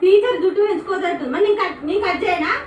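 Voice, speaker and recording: A woman's voice: very high-pitched, quick pace, highs cut off. A young woman, playfully coaxing her small daughter in a casual home vlog, recorded on a phone. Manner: coaxing, playful, sing-song with a small child. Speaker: vlogger mother. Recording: echoey room with background noise.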